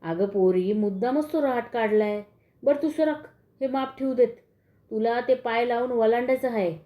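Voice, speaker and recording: A woman's voice: a little high, normal speed, muffled recording, natural voice. A woman voicing a sinister cackling village auntie. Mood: coaxing, sinister.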